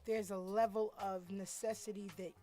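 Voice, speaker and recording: A woman caller in a voice note, speaking earnestly and haltingly, with conviction. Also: mid-range voice, level tone, warm tone. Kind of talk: voice note to a talk show. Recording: music playing underneath.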